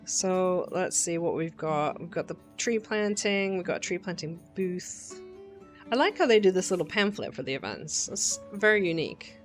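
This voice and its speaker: A woman's voice: on the low side, lively intonation, moderate pace. A young woman streaming a farming game, chatting casually and reading dialogue aloud in an easily charmed, lightly laughing way. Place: home streaming setup. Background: faint game music.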